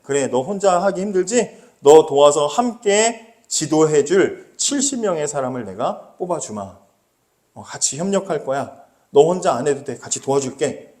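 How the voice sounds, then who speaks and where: A preacher acting as a soothing, fatherly God, soft and calm. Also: a little slow, few pauses, echoey room. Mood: reassuring. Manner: gentle, soothing and low. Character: kind, reassuring fatherly God.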